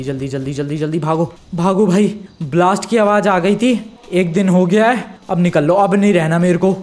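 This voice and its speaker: A man giving lively, chatty commentary on his own gameplay, talking straight to his viewers. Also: high-pitched. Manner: excitable, chatty, talks to viewers as "bhai" and "guys". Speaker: gaming YouTuber.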